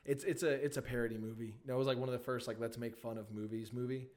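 A man's voice: mid-range voice, fairly even intonation, fast, a little mellow. A young man chatting casually and laughing, sometimes putting on voices to quote people. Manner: laid-back, laughing, puts on voices for quotes. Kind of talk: casual chat.

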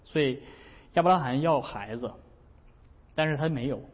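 A pastor delivers a sermon in a chatty, humorous style, often breaking into laughter. His voice is mid-range at a normal speed, and the recording is dull, with long hall reverb.

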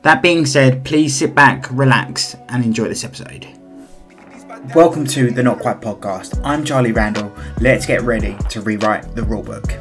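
A man's voice: medium pitch, moderate pace, fairly bright tone. A man reading a scripted introduction as the host of a podcast. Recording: faint music behind the voice.

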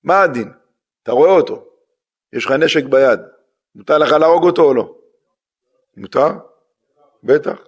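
A man's voice: a little high, pauses often. A man, a rabbi, giving a sermon that tells a story through acted-out dialogue and questions to the listeners. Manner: acts out dialogue in a story, lively questions to the audience.

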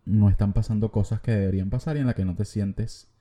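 A man's voice: fairly low pitch, steady tone, fast, warm tone. A young man with a Venezuelan accent, hosting a podcast in a casual comedic monologue, joking, swearing and rambling as he talks. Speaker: podcast host.

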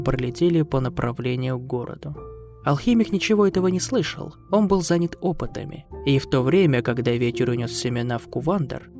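A man reading a scripted horror story as its narrator. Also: mid-range voice. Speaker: narrator of bedtime horror stories. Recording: music behind the voice. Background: instrumental music.

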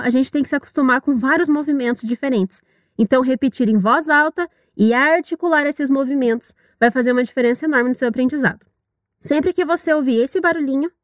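A woman from Brazil teaching English in a scripted audio lesson, upbeat and encouraging, with slow drilled repetitions. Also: sits high, dry recording, studio quality.

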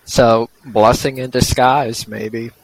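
A man's voice: medium pitch, fairly even intonation, slow, creaky, low-quality recording. A man chatting casually about sports as a panelist on a podcast.

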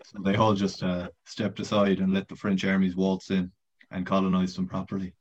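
Deep-voiced man telling a rambling story. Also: monotone, normal speed, darkish tone, a little hiss or hum. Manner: rambling storyteller, swears, laughs often. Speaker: podcast guest. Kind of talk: casual chat. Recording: dull lo-fi podcast audio.

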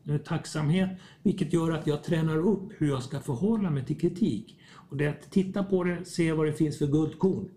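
A man's voice: a little high, mellow. A man talking as a podcast guest, reflective, often acting out small dialogues as he explains. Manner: reflective, acts out little dialogues. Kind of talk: conversational podcast talk.

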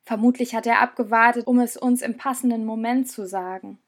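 Woman voicing a calm, reasoning boy. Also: a little high, fairly quick, lightly acted. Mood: sober. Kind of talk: audiobook character voice.

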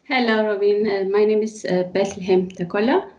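Measured Ethiopian-born woman, muffled sound. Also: mid-range voice, darkish tone. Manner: measured, many "uh" pauses. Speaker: researcher guest. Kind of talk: podcast interview.

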